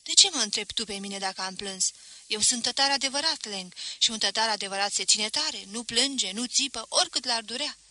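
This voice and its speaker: A woman's voice: a little high, animated, sharp tone. Woman voicing a proud young Tatar boy.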